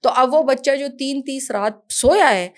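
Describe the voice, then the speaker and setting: A woman in her fifties from Pakistan, an education professional talking as a guest in an interview, animated and motherly, slipping English phrases into her speech. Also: high voice. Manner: animated, mixes in English phrases, calls the host "son". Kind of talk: casual interview conversation.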